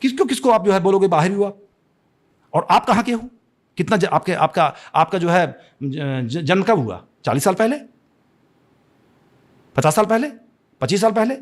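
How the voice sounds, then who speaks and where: The interviewee on this podcast is a man from Chhattisgarh with a Chhattisgarh Hindi accent and a high, expressive voice. He speaks at a normal speed with long pauses, impassioned and declamatory, repeating phrases and restarting often.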